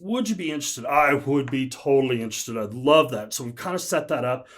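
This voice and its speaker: A man's voice: medium pitch, brisk. A man, a guest on a podcast, chatting casually and telling stories with lots of laughter and restarts. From United States. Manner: animated storyteller, laughs often, many restarts.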